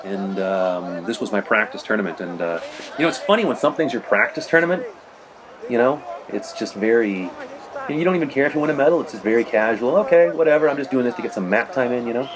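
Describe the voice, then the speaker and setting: A man's voice: mid-range voice, lively intonation, quick pace, a crowd in the background. A middle-aged man casually narrating footage of his own match, rambling and conversational with lots of "you know". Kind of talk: casual narrated commentary over video.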